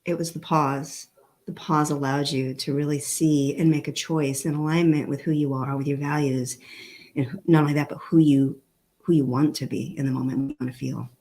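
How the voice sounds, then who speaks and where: A woman's voice: deep voice, fairly even intonation, moderate pace, darkish tone. A woman from New England hosting a live talk show, affirming her guest and asking long questions.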